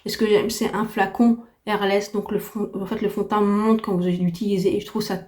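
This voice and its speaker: A beauty vlogger reviews a product to camera in a chatty, enthusiastic way, emphasizing points repeatedly, though her unsteady voice is giving out after a heavy cold. Her mid-range voice is darkish, barely moves in pitch, and runs a little fast.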